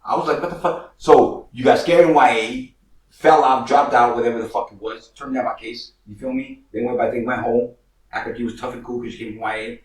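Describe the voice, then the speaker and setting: A man's voice: medium pitch, fairly even intonation, brisk, roomy sound, far from the mic, low-quality recording. A man from Northern California in his forties, telling his own street stories in casual slang, often saying "money" and "you feel me.". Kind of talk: casual storytelling to camera.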